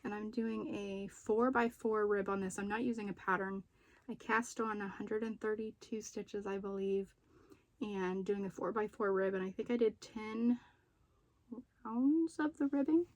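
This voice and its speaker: A woman vlogger chatting casually as she shows her craft projects, slightly out of breath after being sick and pausing to recall details. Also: medium pitch, fairly even intonation, no echo. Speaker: crochet and knitting vlogger. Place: room at home with poor lighting.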